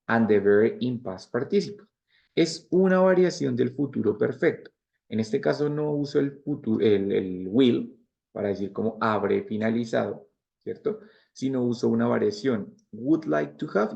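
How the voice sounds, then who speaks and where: In lo-fi audio, a Spanish-accented man in his forties with a medium-pitched, gravelly, slightly mellow voice gives a bilingual English grammar lecture. He patiently breaks down each structure step by step, repeating examples.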